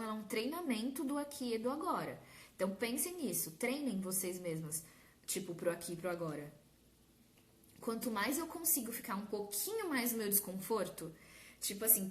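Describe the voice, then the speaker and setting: Brazilian woman giving an animated casual talk. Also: on the high side. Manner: informal, animated, acts out her inner critic. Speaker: course host. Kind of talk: casual live talk to an audience.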